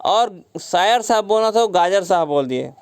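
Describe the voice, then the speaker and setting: A man's voice: sits high, lively intonation, moderate pace, clear, resonant tone, no echo. A man teaching a story lesson, retelling each line and glossing words with simple synonyms, mixing in English words. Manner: mixes English words into the explanation.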